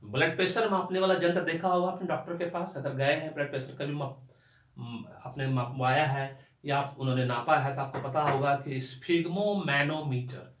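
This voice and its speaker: A man's voice: on the high side, moderate pace, a bit bright, roomy sound. A man teaching English vocabulary and pronunciation, stretching out each new word and spelling words out letter by letter.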